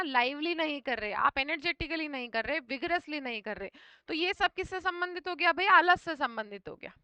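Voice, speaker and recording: A woman's voice: high-pitched, sharp tone, dry recording. A woman teaching English vocabulary for an exam in Hindi, mixing in English words and often checking in with her students. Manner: often repeats "thik hai" to check understanding.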